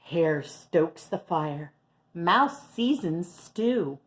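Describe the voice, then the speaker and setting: A woman reading a children's picture book aloud as storyteller, with slow, very expressive delivery. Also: fairly low pitch.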